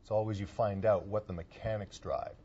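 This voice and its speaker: A man hosting a home shopping show, giving a folksy, conversational sales pitch with rambling asides and a husky voice. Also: fairly even intonation, brisk, warm tone, dull audio.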